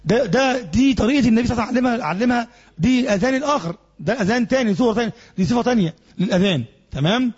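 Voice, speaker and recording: Fast, high-voiced Egyptian sheikh teaching. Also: male voice, animated, a little mellow, breathy edge, lo-fi sound. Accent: Egyptian Arabic. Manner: explanatory, asks the class rhetorical questions. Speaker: sheikh teaching Islamic jurisprudence. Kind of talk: classroom lesson.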